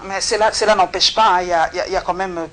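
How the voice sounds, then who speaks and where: A woman's voice: fairly low pitch, fairly even intonation, very fast, a bit bright, slight background noise. A woman TV interviewer, asking direct, probing questions and interjecting.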